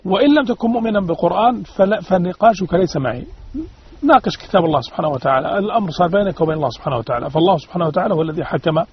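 A man with a fairly high, very rough voice argues quickly in a religious panel discussion. He is emphatic, repeating points and throwing out rhetorical questions. The sound is slightly muffled, like radio. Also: expressive.

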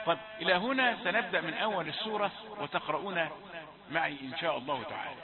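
A man teaching Quran recitation, explaining points and then chanting slow, drawn-out examples. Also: a little high. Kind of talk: recitation lesson. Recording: tinny phone-like sound with crowd behind.

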